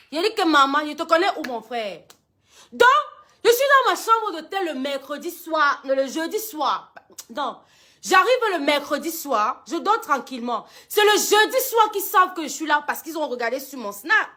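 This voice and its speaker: A high-voiced woman tells a story to her followers. She is dramatic and emphatic, swoops up and down a great deal, and throws English phrases in. Her voice is bright and sharp.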